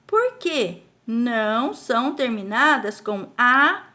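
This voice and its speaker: A Brazilian woman teaching a recorded spelling lesson to children. She explains slowly, stretches out syllables and keeps asking the class check questions. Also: fairly high pitch, sing-song, pushed and bright. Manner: speaks of herself in the third person as "a Pro". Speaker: primary school teacher.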